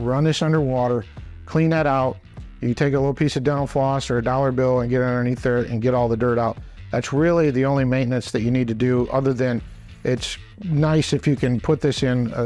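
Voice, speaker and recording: A hunting call expert teaches in a plain-spoken, practical way, walking through steps in a conversational demonstration style. His voice is mid-range and a little mellow.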